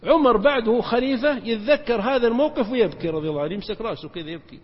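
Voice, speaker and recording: Male preacher, emphatic rapid-fire lecturer, husky tone, dull hall recording. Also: very high voice, lively intonation. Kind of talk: religious lecture storytelling.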